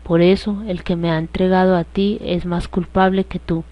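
Brief: quiet man on trial, voiced by a woman reader, steady and flat. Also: on the low side, normal speed, dry recording, close to an everyday voice. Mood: calm. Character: calm male prisoner speaking of his kingdom. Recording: dull lo-fi dry recording.

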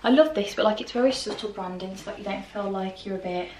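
A woman's voice: mid-range voice, fast talker, a little mellow, far from the mic, slight background noise. A young British woman in her twenties chatting through a clothing try-on, full of filler words, filmed in a plain room on the camera's mic. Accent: British English. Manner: chatty, filler-heavy with constant "like". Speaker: fashion vlogger. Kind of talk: casual try-on haul. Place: plain grey bedroom, indoors. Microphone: camera mic from across the room. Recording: roomy echo, voice a bit off-mic, faint ambience.

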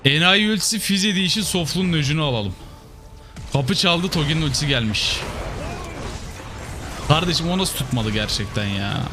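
Over background music, a young gaming YouTuber narrates his own play live and casually, excitably flipping from muttering to yelping. He speaks at a fairly high pitch and moderate pace, pausing often.

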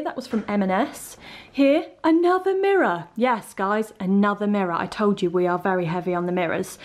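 A young woman giving a chatty, playful home tour, filmed on a handheld camera as she walks through bright indoor rooms. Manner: chatty and playful, with lively jumps up in pitch. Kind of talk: casual home tour vlog. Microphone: handheld camera filming herself as she walks.

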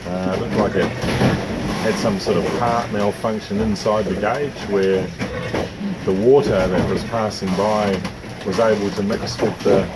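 Relaxed man narrating aboard a windy sailboat. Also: on the low side, measured pace. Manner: relaxed, matter-of-fact, with sailing jargon. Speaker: sailing vlog host. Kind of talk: casual vlog narration. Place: open cockpit of a sailing catamaran at sea. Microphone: handheld camera mic, wind on it. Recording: windy outdoor camera audio. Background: wind and water noise.

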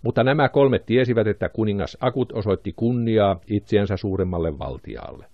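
Low-voiced man narrating an audiobook. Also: dry recording, muffled recording.

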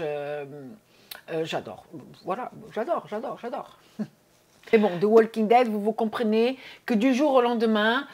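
A woman's voice: mid-range voice, darkish tone. A woman vlogging casually about her favourite series, chatty, with many hesitations and repeated words. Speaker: YouTube vlogger. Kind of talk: casual series review vlog.

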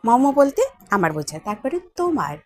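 A woman's voice: on the high side, very animated, moderate pace, slight background noise. A woman with a Bengali accent teaching a Sanskrit lesson at a board, spelling words out letter by letter and asking her students checking questions. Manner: asks the class checking questions. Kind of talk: classroom lesson at a whiteboard.

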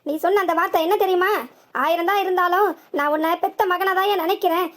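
Woman doing a cartoon village guy, hurt and stubborn, southern tamil nadu accent, scolds in long runs, rapid. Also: very high-pitched, fairly even intonation, fairly bright tone. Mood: angry. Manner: heated scolding, drawn-out reproach. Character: hot-tempered grown village man, hurt and stubborn.

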